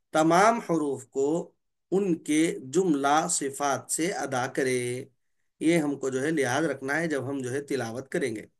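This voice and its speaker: Guy teaching tajweed, fairly high voice, says each letter sound slow and repeats it, keeps clearing his throat. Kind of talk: Quran recitation lesson.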